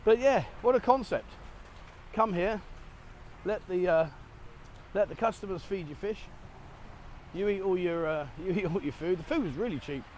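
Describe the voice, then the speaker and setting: A middle-aged man talks to his handheld camera at a cafe, rambling cheerfully and laughing at his own slips. His voice sits a touch high for a man. Faint street noise hums behind him. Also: normal speed, long pauses, darkish tone. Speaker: travel vlogger. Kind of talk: casual vlog chat to camera. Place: cafe in Thailand, partly outdoors.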